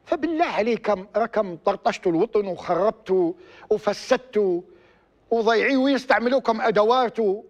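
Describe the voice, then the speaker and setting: A man's voice: very high voice, muffled recording. A man with a Libyan accent hosting a TV program, giving heated political commentary full of rhetorical questions. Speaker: TV program host.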